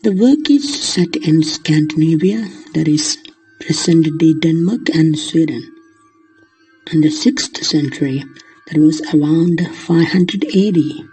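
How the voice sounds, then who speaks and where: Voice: mid-range voice, takes it slowly, mellow, soft background music, rough recording. A lecturer explaining literature in the manner of a lesson, glossing terms in simple words along the way.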